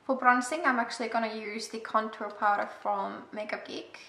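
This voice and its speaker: Pitched on the high side, her voice is creaky, pushed and bright, holding a steady tone at a moderate pace. She's a young Icelandic-accented woman, English not her first language, giving a casual makeup tutorial full of chatty, self-mocking remarks as a vlogger. The room echoes, and a faint hiss runs underneath.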